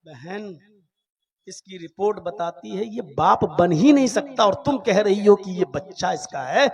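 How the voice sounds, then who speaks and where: A man's voice: high voice, animated, unhurried. A man voicing an exasperated hospital doctor who lectures brusquely.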